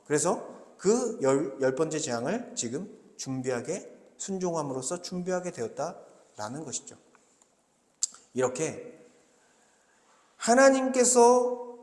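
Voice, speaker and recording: A man's voice: on the high side, darkish tone. A man preaching a sermon as pastor, earnestly asking rhetorical questions and answering them. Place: church sanctuary. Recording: echoey church hall.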